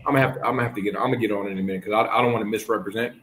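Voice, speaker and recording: A man's voice: on the low side, fairly even intonation, rapid-fire, crowd noise, poor audio. Bahamas-born man chatting loosely as host. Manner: rambling, many restarts and fillers. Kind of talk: casual chat.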